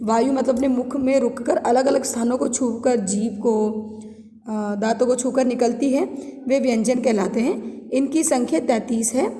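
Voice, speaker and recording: A woman teaching a grammar lesson to students. She reads each definition, then repeats and explains it slowly in simpler words. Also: on the high side, steady tone, mellow, in a large hall. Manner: addresses students directly. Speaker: Hindi teacher.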